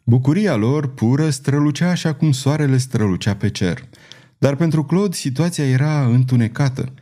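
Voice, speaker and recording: A man narrating a novel in a dramatic, measured reading. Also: mid-range voice, expressive, warm tone. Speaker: audiobook narrator. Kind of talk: scripted narration.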